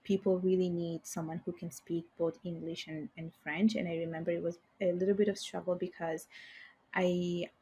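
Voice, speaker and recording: A young woman who natively speaks Bengali and Italian appears as a guest in a casual interview, talking about her work as a finance professional with many fillers and restarts. Her voice is fairly low, mellow and slightly rough, with flat delivery at a normal speed.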